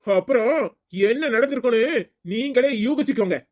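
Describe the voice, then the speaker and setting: A principled young brother-in-law in a cartoon story, as a performer voices him. His voice is mid-pitched, and he lectures firmly and indignantly about respect and decency. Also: normal speed, lightly acted. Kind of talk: cartoon voice acting.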